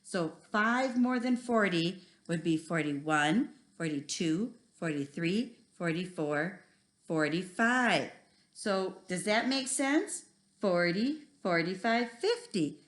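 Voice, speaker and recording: A woman's voice: medium pitch, animated, slow pace, fairly bright tone. A woman teaching a first grade lesson, talking simply and encouragingly to children like a kids show host. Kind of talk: instructional math video lesson for young children.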